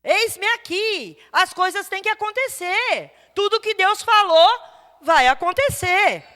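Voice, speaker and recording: A woman preaching in Brazilian Portuguese, with a very high, bright voice. She tells her stories with lively energy and acts out every line of dialogue. Her voice rings with the long reverb of a church hall. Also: unhurried. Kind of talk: teaching sermon.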